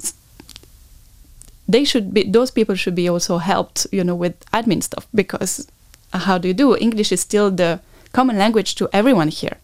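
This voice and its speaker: A woman's voice: mid-range voice, moderate pace, a little mellow, no room sound. A native French-speaking woman with a French accent, explaining things earnestly as a guest in a conversational interview. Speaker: podcast guest, maternity consultant.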